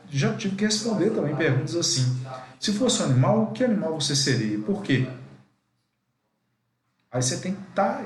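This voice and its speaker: In a roomy-sounding recording, a high-voiced man with a Brazilian Portuguese accent leads a live online class. His manner is that of a teacher explaining things, and he keeps breaking off to speak to his students, calling them "gente."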